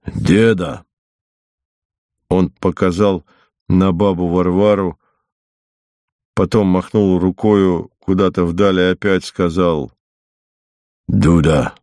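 A man reading classic prose as an audiobook narrator, in a calm, even storytelling manner. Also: sits low, takes it slowly, no room sound, clean studio sound. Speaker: audiobook reader.

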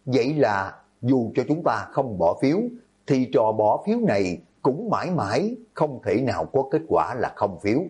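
A man voicing a hot-headed teenage schoolboy who yells and curses at his classmates, in a horror audiobook. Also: medium pitch, very animated, moderate pace, husky. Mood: furious. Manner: yelling, cursing.

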